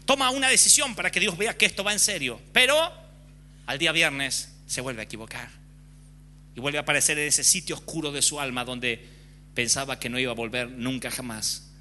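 Bright-voiced impassioned male preacher. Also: mid-range voice, a little fast, a little hiss or hum. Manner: impassioned, frank, acts out examples. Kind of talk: sermon.

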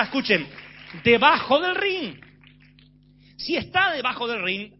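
Male preacher, high register, forceful sermon delivery, muffled lo-fi sound with a light hum. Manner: emphatic, rising to shouts. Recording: slightly dull with faint hum.

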